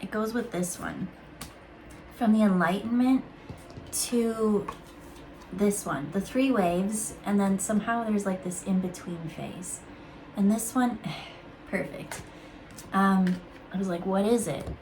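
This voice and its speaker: A woman reading intuitive cards in a casual, musing way, halting with fillers and restarts. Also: medium pitch, mellow, slight background noise, rough recording. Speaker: intuitive card reader. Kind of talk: casual spiritual card reading.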